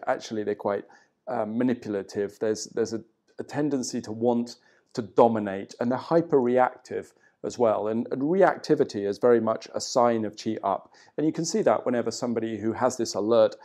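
Guy explaining qigong in a hotel room, mellow low-key voice, chatty and a bit sweary. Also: moderate pace. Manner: conversational, swearing, frequent "you know". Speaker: qigong teacher. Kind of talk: casual spoken teaching.

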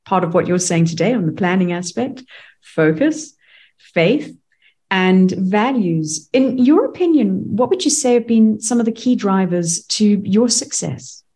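Measured woman hosting an interview. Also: mid-range voice, animated, warm tone. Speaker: interview host. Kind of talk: interview questions.

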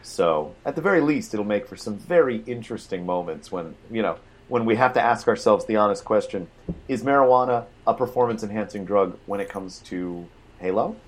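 A man's voice: fairly low pitch, lively intonation, brisk. A man co-hosting a casual gaming talk show, joking with a dry, sarcastic humor. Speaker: podcast co-host. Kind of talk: casual chat.

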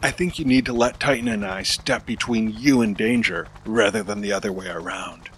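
A man doing a calm tactical hero woman. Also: on the low side, moderate pace, slight background noise, natural voice. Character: determined clever superhero woman.

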